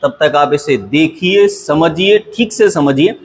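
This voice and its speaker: A man's voice: on the high side, measured pace, in a large hall. A male teacher giving an exam-prep grammar lesson, drilling word pairs in a repetitive way and checking that students follow.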